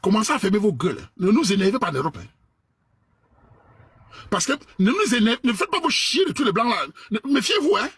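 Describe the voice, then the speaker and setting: High, raspy scolding Cameroonian man. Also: sing-song, brisk, pauses often, a bit bright, dry recording. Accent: Cameroonian French. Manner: scolding, repetitive, ends phrases with "hein". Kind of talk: ranting monologue.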